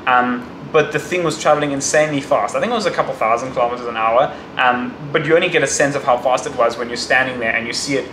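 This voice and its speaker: A man vlogs on a handheld camera on a crowded beach, recapping a trip in casual talk with fillers and breaking into excited shouts and cheers during a launch. His medium-pitched voice is fast with hardly any pauses, and the reverberant audio carries crowd cheering and outdoor noise.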